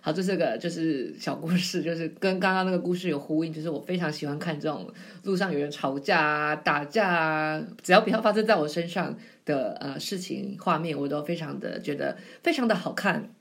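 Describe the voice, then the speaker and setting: A woman's voice: low-pitched, a little fast, creaky. A woman, chatting on her own podcast in a rambling, self-mocking way. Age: 20s. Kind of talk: casual solo storytelling.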